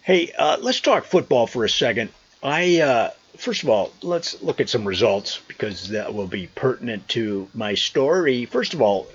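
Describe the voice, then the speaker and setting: An American vlogger with a lowish, slightly rough voice talks to his viewers outdoors on a trail, casually telling a story in an amused, conversational way. The recording sounds muffled.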